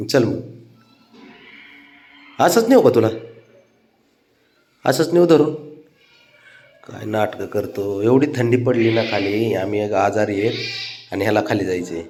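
A man's voice: fairly low pitch, unhurried, long pauses, darkish tone, echoey room, a little hiss or hum. A man talking to his cat at home, coaxing and scolding it by turns. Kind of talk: casual talk to a pet.

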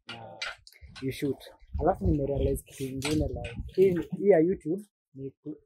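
A man with a Kenyan accent gives a casual, slangy product demonstration. His voice is slightly high yet mellow, over faint workshop noise and clicks. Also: rough recording. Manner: informal, slangy, code-switching. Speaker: content creator and machine seller.

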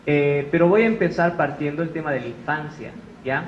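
Bolivian chef, male, chatty conference speaker, fairly high voice, roomy muffled recording. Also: fairly quick. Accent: Bolivian Spanish. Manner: chatty storytelling, tag questions. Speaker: chef giving a talk. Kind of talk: conference talk. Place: conference room. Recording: roomy hall, muffled sound, faint noise.

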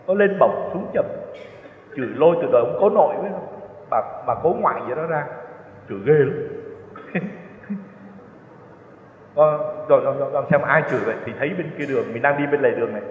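Older male priest, a bit high-voiced, chatty storyteller, tinny phone-like sound. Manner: chatty storytelling, chuckling at his own stories. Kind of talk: retreat sermon with personal anecdotes. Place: large church. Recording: echoey church hall, tinny lo-fi sound.

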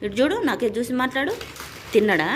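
A young woman speaks with a Telangana Telugu accent in a fairly high, bouncing voice. She coaxes her small child at home, asking the same questions again and again. A faint background hum sits under her voice. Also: big pitch swings, fast. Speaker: mother filming her child. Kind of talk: casual home vlog.

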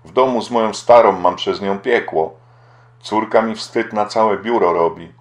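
A man's voice: on the low side, moderate pace, close to an everyday voice. A man reading as a lovesick, ashamed older workman. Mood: lamenting. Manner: lamenting, self-reproaching.

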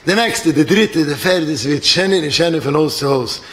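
Rabbi giving a shiur, kinda high voice for a guy, acts out the story bits, lots of restarts. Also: normal speed. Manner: animated storyteller acting out dialogue, many restarts. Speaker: yeshiva lecturer. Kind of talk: religious lecture told as a parable.

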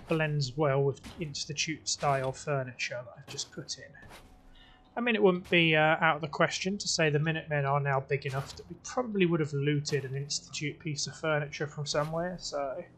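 A young man from the UK chats casually while building in a game, thinking aloud through every small choice. His voice sits a little higher than most men's. He sounds relaxed and unhurried at his desk microphone. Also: slight background noise. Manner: chatty, musing, talks himself through choices. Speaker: let's play host. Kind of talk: casual gameplay commentary.

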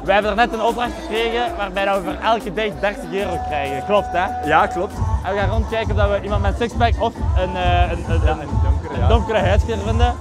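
A man's voice: sits high, fast. A young man chatting casually and joking as a reality show contestant at a ski resort. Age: young adult. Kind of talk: casual chat. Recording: loud music and crowd behind.

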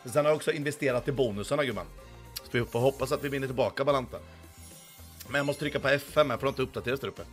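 A hoarse man livestreaming, reading the chat and talking in a crude, boastful, swearing banter. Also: medium pitch, soft background music.

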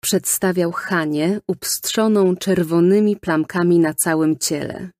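A woman narrating a children's storybook in a lively storytelling manner, recorded close in a studio. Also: lowish voice, measured pace, dry recording. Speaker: audiobook narrator.

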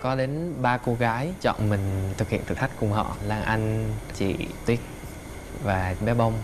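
A man, a reality show contestant, calmly and reflectively recounting in a confessional interview. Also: mid-range voice, measured pace. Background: background music.

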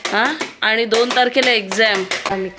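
A woman's voice: a little high, steady tone, normal speed. A woman vlogging at home, coaxing and chiding her children, then confiding to the camera. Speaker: family vlogger and mother. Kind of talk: casual home vlog chat. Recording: loud background noise.

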